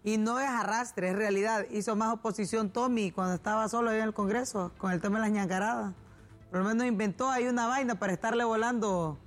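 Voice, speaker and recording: A woman's voice: on the high side, steady tone, fast talker, faint music behind. A woman radio co-host, arguing politics insistently and repeating her points for emphasis. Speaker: radio talk show co-host.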